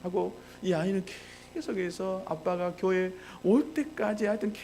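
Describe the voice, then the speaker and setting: Gravelly-voiced pastor telling a sermon story. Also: male voice, high-pitched, moderate pace, slight background noise. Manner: animated storytelling, acting out quoted voices.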